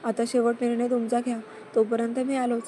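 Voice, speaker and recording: A woman's voice: a little high, completely flat delivery, brisk, dark tone, a little hiss or hum, natural voice. A woman reading the part of an earnest, apologetic young man in a story. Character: young man, office worker confessing.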